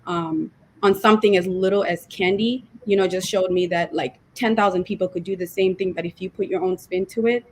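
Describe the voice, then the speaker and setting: A woman's voice: mid-range voice, fairly even intonation, brisk, few pauses, a little mellow, slight background noise. A woman in her twenties from Zimbabwe, a guest on an interview, talking in a hesitant way full of fillers and restarts. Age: 20s. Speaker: guest entrepreneur. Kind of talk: casual interview talk.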